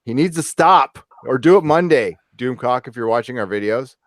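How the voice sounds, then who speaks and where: A man in his forties hosts a podcast, chatting casually in a mid-range voice with lively intonation at a moderate pace. He laughs often and swears freely. The recording is studio quality with no room sound.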